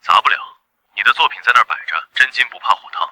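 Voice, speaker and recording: An actor playing a cool, confident male executive who talks calmly and tersely. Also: medium pitch, racing, dry recording, studio quality, heavily acted. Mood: assured.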